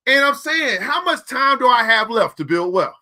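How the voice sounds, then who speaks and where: A man's voice: very high voice, sing-song, normal speed, bright, forceful tone. A man in his forties hosting a show, giving a preachy motivational talk about money and repeating phrases for emphasis. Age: 40s. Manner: preachy, repeats phrases, talks straight to the audience. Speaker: podcast host.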